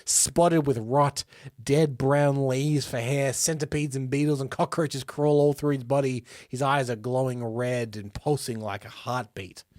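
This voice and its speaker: A man hosting a podcast, casually retelling a film script with animated delivery and frequent laughs. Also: mid-range voice, measured pace, no room sound. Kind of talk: casual storytelling chat.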